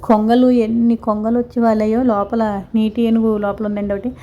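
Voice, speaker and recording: A woman's voice: fairly high pitch, level tone, moderate pace, dull audio. A middle-aged woman from India narrating a casual vlog of a zoo visit, talking in a sympathetic, rambling way with many restarts. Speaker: vlogger. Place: outdoor zoo park.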